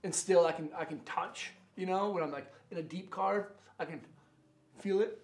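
A man's voice: sits high, moderate pace. A man co-hosting a casual live stream, talking in a laid-back, slangy way and often trailing off mid-sentence. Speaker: co-host of a shop live stream. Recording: echoey room.

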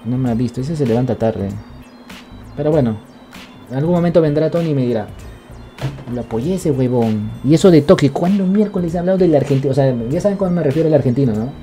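A male streamer chatting casually on a live stream, excitable, swearing and rambling. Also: fairly high pitch, quick pace, soft background music.

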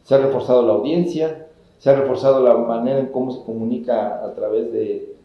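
A middle-aged man from Mexico, a government communications official, giving steady, explanatory answers in an interview, building his points as lists. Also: medium pitch, a little fast. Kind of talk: measured political interview answers. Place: indoor office with wooden cabinets. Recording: roomy, slightly dull office sound.

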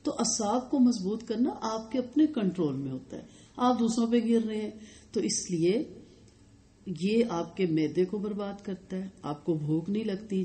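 Woman lecturer, mellow voice, storytelling, addresses listeners directly. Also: on the low side. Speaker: Islamic lecturer. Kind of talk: religious lecture to women.

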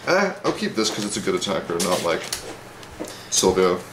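A man's voice: deep voice, very animated, moderate pace. A man playing a trading card game on camera, blunt and teasing as he calls his moves and swears casually. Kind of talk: casual play-by-play banter. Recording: noisy background.

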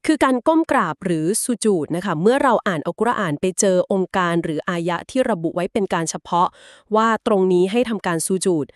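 A woman co-hosting a podcast, calmly and patiently explaining things step by step. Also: medium pitch, brisk, dry recording, clean studio sound. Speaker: podcast co-host explaining Quran etiquette.

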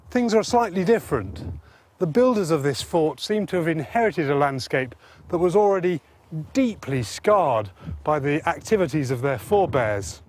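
A man's voice: fairly high pitch, slight background noise. A man presenting a documentary walking tour, narrating and interviewing with marvelling enthusiasm on open downland. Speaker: landscape archaeologist presenter.

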